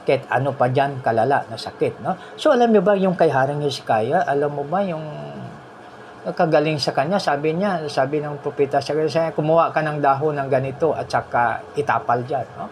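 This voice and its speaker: A man preaching a sermon, telling stories in an animated way, mixing in English phrases and ending points with "no?". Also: brisk, slight background noise. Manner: animated storytelling, voice rising high when quoting people; mixes English phrases into the preaching, frequent "no?" tags.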